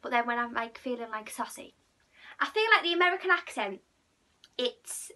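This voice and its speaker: A woman's voice: fairly high pitch, lively intonation, moderate pace, sharp tone. A young woman with a Teesside accent, vlogging in casual, chatty talk that is full of "like" and "you know what I mean". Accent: Teesside (Middlesbrough). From Middlesbrough, England. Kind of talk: casual chat to camera.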